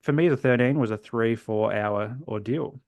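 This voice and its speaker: Speaking at a normal pace in a mid-range voice, this Australian from South Australia, in his forties, reflects sincerely on his life as a guest on a podcast interview. His sentences frequently fade out gently, and the recording carries no room sound.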